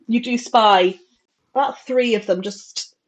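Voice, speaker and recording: A woman's voice: a little high, takes it slowly, a little hiss or hum. A woman acting as game master, narrating and refereeing a tabletop role-playing game in casual speech.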